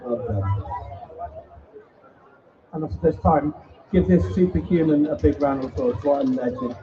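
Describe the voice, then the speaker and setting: A man's voice: fairly high pitch, normal speed, background noise. A man presenting spiders at a live invertebrate show, teasing and bantering with the audience. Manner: jokey, teasing banter with the crowd. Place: indoor event hall. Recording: muffled live stream mic from a distance.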